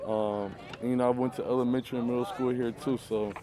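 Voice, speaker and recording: A man's voice: mid-range voice, flat delivery, quick pace, crowd noise. Young man talking loosely at a crowded outdoor camp. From Michigan. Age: young adult. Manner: loose, earnest, lots of fillers. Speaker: college football player and interview guest. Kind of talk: casual interview talk. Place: outdoors at a youth football camp.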